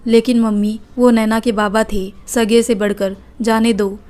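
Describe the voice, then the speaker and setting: A woman's voice: a little high, level tone, a little slow, darkish tone, close to an everyday voice. A woman voicing an outspoken, caring elder sister-in-law in a read-aloud family story. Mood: gentle. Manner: firm, reproachful.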